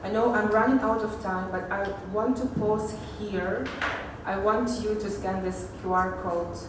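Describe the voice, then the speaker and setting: A woman giving a technical conference presentation, pausing often with fillers and restarts. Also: mid-range voice, steady tone, background noise. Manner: hesitant, many fillers and restarts. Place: large echoey conference hall. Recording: echoey hall audio from far off.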